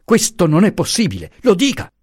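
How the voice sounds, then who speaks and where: A man voicing a protective young husband and father in an audiobook, speaking in a restrained, low voice through gritted teeth. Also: animated, takes it slowly, darkish tone, no room sound, clean studio sound. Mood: outraged. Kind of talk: audiobook character voice.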